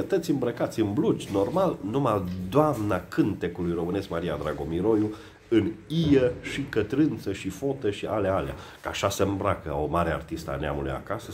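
A man giving satirical news commentary in a sarcastic, mocking way. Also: slight background noise. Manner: sarcastic, mocking, lively swings in pitch. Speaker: satirical vlogger.

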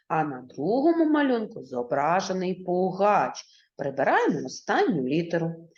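A primary school teacher, a woman, speaking slowly and clearly as she guides young children through a reading lesson. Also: fairly low pitch, a little mellow. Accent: Ukrainian. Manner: slow, clear, syllable-by-syllable teaching voice. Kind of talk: video reading lesson for first graders. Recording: echoey room, dull lo-fi sound.

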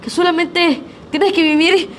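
A woman's voice: very high voice, fairly even intonation, a little slow, slight background noise. An actress playing a young girlfriend who is shocked, bewildered and distressed after being deceived, in a melodramatic web drama.

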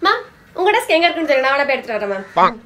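A woman's voice: sits high, sing-song, racing, fairly bright tone. A young woman acting out different types of schoolgirls in a comedy sketch, pleading, bossy and sarcastic by turns.

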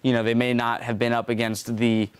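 A man's voice: mid-range voice, flat delivery, a little fast, clear, resonant tone. A man hosting an esports analyst desk, steering the discussion between the analysts.

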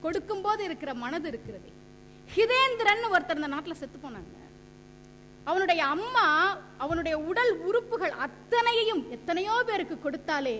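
A woman's voice: very high-pitched, a bit bright. A woman giving a stage debate speech, quoting scripture and poetry and acting out anecdotes. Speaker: debate speaker. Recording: echoey hall with faint hum.

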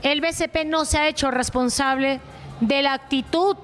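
A woman's voice: sits high, steady tone, normal speed, a bit bright. A young woman hosts a radio interview, asking direct, pointed questions. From Peru. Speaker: radio host. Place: radio studio. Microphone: studio mic.

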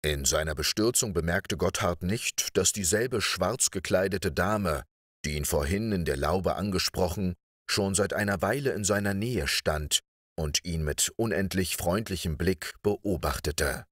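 A man calmly narrating a bedtime audiobook story in a measured way. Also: low-pitched, dry recording, clean studio sound. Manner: measured, calm.

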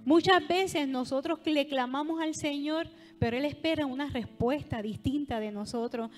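A high-voiced woman with a Puerto Rican accent preaches to a convention crowd, her words ringing out through a big reverberant hall. She swings between loud, fervent calls and quieter asides. Faint music hums underneath. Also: normal speed. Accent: Puerto Rican Spanish. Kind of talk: sermon. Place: large hall at a church convention.

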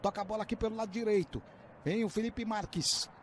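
High-voiced Brazilian male football commentator. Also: steady tone, fast. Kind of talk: live match commentary. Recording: faint stadium noise on broadcast.

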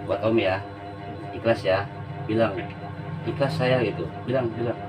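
A man's voice: lowish voice, a little slow. A man, a spiritual practitioner, giving short, repeated coaxing commands during a live demonstration. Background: background music.

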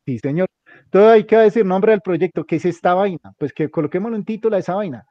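Mellow male instructor, dull recording. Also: sits high, quick pace, dry recording. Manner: directive, repeats instructions step by step. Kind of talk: hands-on computer class instruction.

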